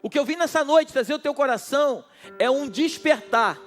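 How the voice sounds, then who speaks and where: At a night church service, a male pastor preaches a sermon with passion, speaking straight to his listeners. His voice is very high and a bit bright, his pace moderate, and faint music plays behind him.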